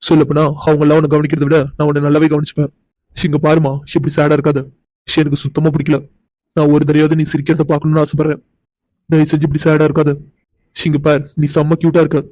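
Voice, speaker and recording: A man's voice: a little high, completely flat delivery, fast talker, a little mellow, no room sound, natural voice, poor audio. A man voicing an insistent, doting young man in a cartoon, coaxing and pressing for answers. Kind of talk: cartoon voice acting.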